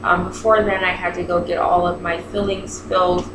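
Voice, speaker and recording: Talking to camera in a casual vlog, a woman in her thirties with braces rambles, cuts herself off, and acts out a story with quoted dialogue. She speaks at a moderate pace in a fairly low voice, and the echoey room has clear background noise.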